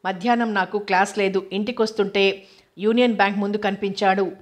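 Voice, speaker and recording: Woman narrating a novel, flat and even. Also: mid-range voice, brisk. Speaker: audiobook narrator.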